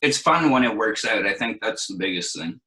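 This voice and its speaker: A man's voice: lowish voice, expressive, normal speed, sharp tone, rough recording. A young man chatting casually as a guest, laid-back and rambling, with lots of fillers. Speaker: guest DJ and producer. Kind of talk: casual chat.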